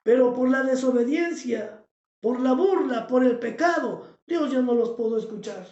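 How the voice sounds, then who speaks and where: A male pastor, preaching a sermon with passion, shouting for emphasis and repeating his phrases. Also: very high-pitched, lively intonation, unhurried, roomy sound, dull audio.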